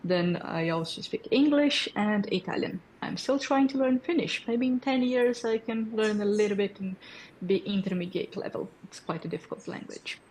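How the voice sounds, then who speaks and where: At a hackathon, a developer community lead walks through a developer tool in a technical talk, friendly and explanatory, with fillers and questions to check in with listeners. She's a woman in her thirties from Brazil, a native Portuguese speaker with a Brazilian accent, whose medium-pitched, slightly mellow voice moves at a moderate pace. The recording is low quality, with a little hiss or hum.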